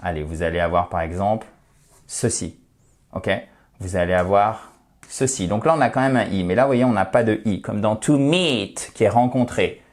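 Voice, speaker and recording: A man whose first language is French, teaching an English pronunciation lesson and demonstrating words with careful, drawn-out stress. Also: deep voice, darkish tone.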